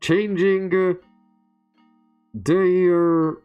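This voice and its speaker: Man playing a halting, higher-pitched teacher reading reversed text. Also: flat delivery, darkish tone, smooth, highs cut off, soft background music. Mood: halting lecturing. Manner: halting, stumbling word by word while deciphering reversed text. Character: formal schoolteacher lecturing a class in a video game. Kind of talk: reading game dialogue aloud.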